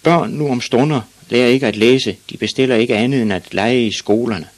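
A man's voice: on the low side, voice pushed up, natural voice. A man doing a stern old fisherman. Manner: stern, lecturing. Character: grumpy old fisherman, lecturing.

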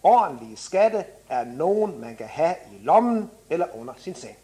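A man's voice: on the high side, big pitch swings, dark tone. A man voicing a cheerful small boy on a treasure hunt, eager and upbeat.

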